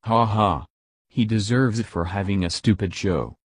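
A man reading out a rant, bluntly listing insults in a flat way. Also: fairly low pitch, moderate pace, husky, no room sound, studio quality, soft background music. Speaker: ranter.

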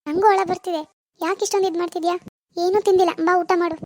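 A woman's voice: extremely high pitch, level tone, quick pace, a little mellow. A woman voicing a worried middle-aged mother in a cartoon, soothing and pleading with her daughter. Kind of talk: cartoon voice acting.

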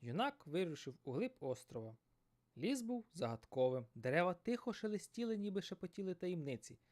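Storyteller, male, dramatic fairy tale narration, very animated intonation. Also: sits high, fairly quick. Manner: expressive, dramatic.

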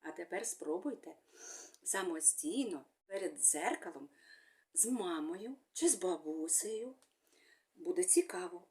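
A woman speech therapist giving a gentle, sing-song speech lesson to young children, using fond little words for them. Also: lowish voice.

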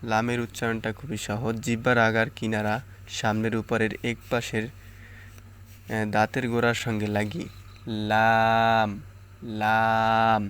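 A man teaching Quran letter pronunciation step by step, stretching out louder model sounds between calm explanations. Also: fairly low pitch, moderate pace, smooth. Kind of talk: slow step-by-step pronunciation lesson.

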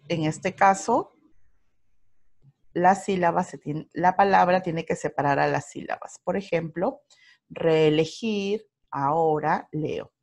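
Slow-speaking Peruvian woman teacher. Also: fairly low pitch, vocal fry, darkish tone. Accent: Peruvian Spanish. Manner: slow, careful explanation with spelled-out examples. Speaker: primary school teacher. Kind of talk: recorded online grammar lesson.

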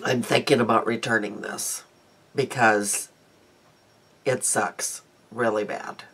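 Chatty and rambling with frequent ums, this fifty-something beauty vlogger talks about her day and makeup. She has a rumbling low, slightly rough, somewhat bright voice with fairly even intonation, speaking slowly and sounding congested. The audio comes from a close webcam in a small home room.

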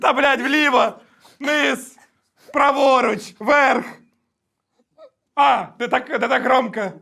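Young man, high-pitched, bright tone, slow unhurried pace, barks repeated directions, laughs and swears. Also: steady tone, vocal fry. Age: young adult. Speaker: game show contestant. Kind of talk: directing a teammate in a party game.

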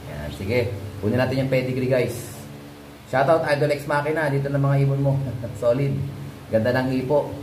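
A man talks casually to his viewers as he shows off racing pigeons, with a voice of ordinary pitch. He keeps calling out to them as guys. Pigeons coo behind him, and clear background noise fills the loft. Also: normal speed, a little mellow. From Philippines. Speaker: pigeon breeder and vlogger. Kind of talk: casual vlog showing birds and pedigrees. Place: pigeon loft with birds around. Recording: noisy loft with bird sounds. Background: pigeons cooing.

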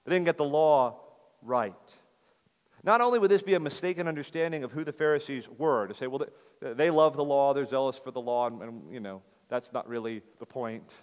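A man's voice: mid-range voice, brisk. Man preaching in a reverberant church. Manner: emphatic expository preaching, rhetorical questions. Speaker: pastor. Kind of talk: sermon. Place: church sanctuary.

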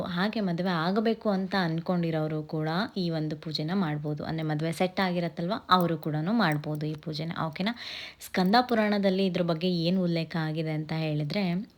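Chatty woman telling a story. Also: lowish voice. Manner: chatty, keeps checking in with listeners. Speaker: vlogger. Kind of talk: casual storytelling to camera.

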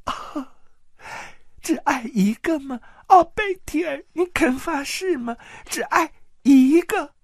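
A man's voice: animated, takes it slowly, dry recording, studio quality, full character voice. A man voicing a jealous, hysterical noblewoman who sobs and wails in an audiobook. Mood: sobbing hope. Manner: shrill, sobbing, breaking into cries. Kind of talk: audiobook character voice.

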